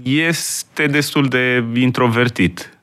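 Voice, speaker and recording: A man's voice: medium pitch, fairly bright tone. A man, a guest musician, bantering and laughing in a casual radio chat.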